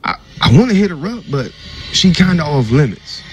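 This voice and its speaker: A man's voice: on the high side, big pitch swings, normal speed, music in the background. [name], a man voicing a flustered cartoon bear. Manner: flustered, stammering, joking. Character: flustered horny young male college bear.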